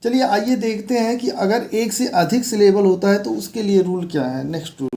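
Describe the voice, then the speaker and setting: A man's voice: sits high, normal speed, warm tone. A man teaching an English grammar lesson, explaining patiently and repeating key words as he points things out on a board.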